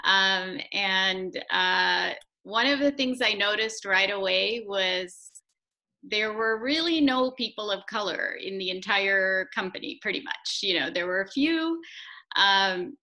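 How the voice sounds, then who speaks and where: Middle aged woman on a zoom panel, bright sharp voice, chatty with lots of ums. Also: medium pitch, lively intonation, slow pace, poor audio. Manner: reflective, conversational with fillers. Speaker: panelist, former art production head. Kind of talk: panel discussion.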